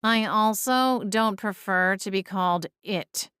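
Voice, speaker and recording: Gruff, snarky male talking cat voiced by a woman. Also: medium pitch, slow, fairly bright tone, no echo. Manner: dry, snarky. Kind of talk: audiobook character voice.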